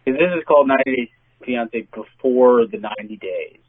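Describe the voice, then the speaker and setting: A man's voice: mid-range voice, fairly quick, slightly rough. A man calling in as a podcast guest, chatting casually in a hesitant, dry way with many fillers. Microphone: phone call. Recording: tinny phone line, dry.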